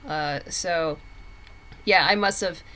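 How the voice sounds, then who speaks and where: Interviewed as a writer, a woman tells stories casually and emphatically, acting out quoted thoughts as noise carries behind her. Her voice is on the low side, pushed and bright, and she takes her time.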